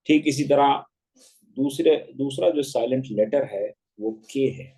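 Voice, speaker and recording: Slow, mellow-voiced male English teacher. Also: mid-range voice, low-quality recording. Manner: spells words letter by letter and contrasts pronunciations deliberately. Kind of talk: online grammar lesson. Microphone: online class call.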